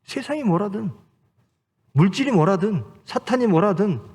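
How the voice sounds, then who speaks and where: A man's voice: sits high, lively intonation, normal speed, darkish tone, breathy edge. A man, a pastor, preaching a Sunday sermon with emphatic rhetorical questions and exhortations. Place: church sanctuary. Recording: long church hall reverb.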